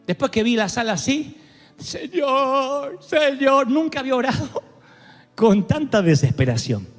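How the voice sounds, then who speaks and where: A pastor preaches with passion in a high-pitched voice, moving between cries and hushed, slow emphasis. His sermon is recorded live in a large church hall with a long, echoing reverb. Faint music plays behind him. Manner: impassioned preaching, swinging from shouts to soft, slow emphasis.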